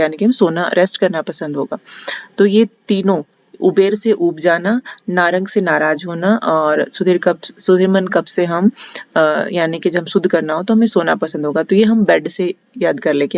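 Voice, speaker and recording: A teacher with a Haryanvi accent walks through memory tricks for a general knowledge lesson, patiently restating each point with frequent pauses. The voice sits at an ordinary middle pitch. The recording is dull and lo-fi with a dry, close sound. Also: gravelly, darkish tone, no echo. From Haryana, India.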